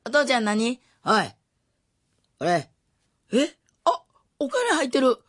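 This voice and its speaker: A woman's voice: fairly high pitch, lively intonation, takes it slowly, fairly bright tone, pitched above the performer's own voice. A woman voicing her teenage self, pleading earnestly with her father in a Kansai accent. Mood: excited.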